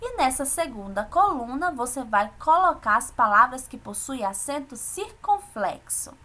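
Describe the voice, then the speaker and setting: Brazilian woman teaching small kids remotely, patient and encouraging, a bright, slightly high voice. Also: big pitch swings, measured pace. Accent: Brazilian Portuguese. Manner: patient, explaining step by step to children. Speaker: primary school teacher. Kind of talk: remote lesson for children.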